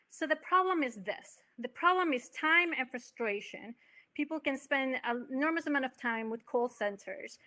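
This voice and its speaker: A woman from Venezuela presents her startup in a business pitch, speaking steadily with occasional hesitations. Her voice sits a little high and rings bright. She is heard over a remote call.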